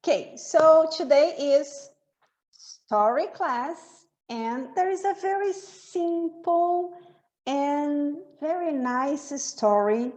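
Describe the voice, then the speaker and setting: A woman teaching an English lesson, patiently repeating and spelling out words as she explains. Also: high-pitched.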